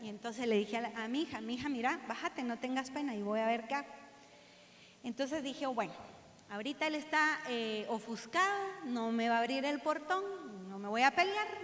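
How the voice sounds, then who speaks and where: High-voiced Guatemalan woman preaching in a hall. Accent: Guatemalan Spanish. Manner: storytelling, animated, acts out the dialogue. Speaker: pastor. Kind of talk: sermon. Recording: echoey hall.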